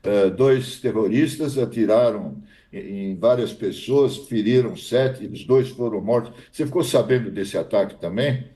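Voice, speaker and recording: A man's voice: lowish voice, unhurried, hardly any pauses, mellow. A man anchoring the news, asking the guest direct questions. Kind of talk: live news interview questioning.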